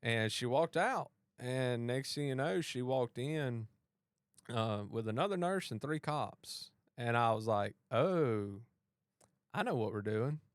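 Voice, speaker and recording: A man's voice: mid-range voice, takes it slowly, clear, resonant tone, no echo, clean studio sound. A man, hosting a podcast and telling a personal story, acting out the voices of the people in it. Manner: animated retelling, acts out both sides of a dialogue. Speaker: podcast host and police officer. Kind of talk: storytelling in a casual conversation.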